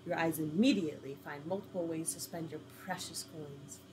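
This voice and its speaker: A woman's voice: low-pitched, fairly quick, background noise. A woman reading an interactive story game aloud, with casual, laughing asides.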